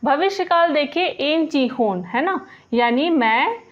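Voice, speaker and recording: A woman teaching a spoken grammar lesson, patiently repeating each example and slowing down on the example phrases. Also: high voice, expressive, muffled recording. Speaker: language teacher.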